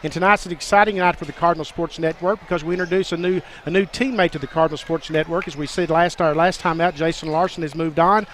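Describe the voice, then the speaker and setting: A man hosts a college basketball broadcast, reading records and standings in a polished, stat-heavy announcer style. His voice sits high for a man. Faint noise hums under the recording. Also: fairly even intonation, quick pace, hardly any pauses, fairly bright tone. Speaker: play-by-play announcer. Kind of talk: college basketball webcast commentary.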